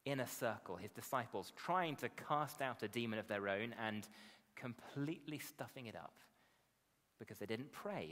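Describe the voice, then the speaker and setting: A British man in his thirties delivers a sermon in an echoey hall. He speaks at a middling pitch into a lectern microphone. His manner is conversational, with frequent tag questions. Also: a bit bright. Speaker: pastor, preacher. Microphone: lectern gooseneck microphones.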